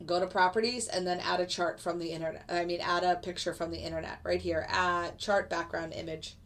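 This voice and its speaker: A woman with a low-leaning voice speaks a little fast in a steady, slightly bright tone, sounding stuffy and congested from a cold that won't quite clear. She's a futures day trader streaming live, casually explaining her trades and fielding chat questions with plenty of fillers.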